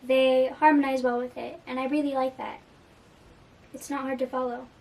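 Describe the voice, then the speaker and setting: A young woman with a high voice chats earnestly about music in a casual reaction video, dropping in plenty of fillers. She sits a little back from the mic, so the sound sits at a distance. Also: little pitch movement, normal speed, darkish tone. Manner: earnest and chatty, with frequent fillers.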